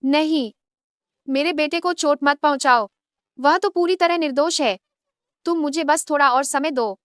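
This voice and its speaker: A woman dubbing the role of an older housemaid who is deep in debt, pleading one moment and coldly scheming the next. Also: a little slow, a bit bright, no echo, studio quality. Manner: pleading, then cold and scheming. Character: scheming older maid, pleading then greedy. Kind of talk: Hindi drama dub.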